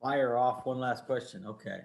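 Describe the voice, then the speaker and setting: A man's voice: mid-range voice, normal speed, creaky. A man putting a question to an online panel, careful and restarting his phrases. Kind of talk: webinar panel discussion.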